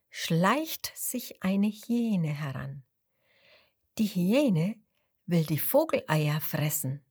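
A woman reading a children's story aloud to a child, slow and expressive, sometimes dropping to a whisper. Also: medium pitch, breathy edge.

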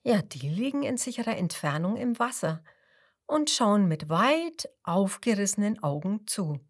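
A woman reading a children's story aloud, taking her time with every phrase. Her pitch moves in a lively, sing-song way, and at tense moments she drops to a soft whisper. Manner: slow, expressive, sometimes dropping to a whisper.

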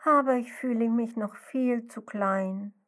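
A woman's voice: high-pitched, animated, slow pace, voice pushed up, heavily acted. A woman voicing a timid, frightened baby snail girl in a children's story, refusing with fearful insistence. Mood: sad.

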